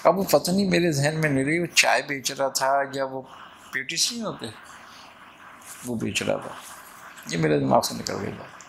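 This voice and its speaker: A man with a gravelly, creaky voice tells a spiritual story as a Sufi sheikh, animated and lively, acting out each character's lines. His pitch sits in the middle range, and faint noise runs under the recording. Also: normal speed, pauses often, low-quality recording. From Pakistan. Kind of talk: storytelling talk.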